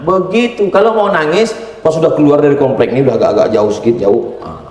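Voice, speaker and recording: A man's voice: a little high, expressive, quick pace, a little mellow. A man, preaching a humorous sermon and acting out voices. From Riau. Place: large hall at an Islamic boarding school. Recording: echoey hall, distant mic.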